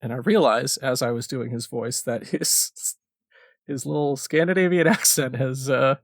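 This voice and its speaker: A man running a tabletop game as game master, talking casually and thinking aloud. His voice is gravelly and mid-pitched. The sound is close and dry. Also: normal speed, dry recording.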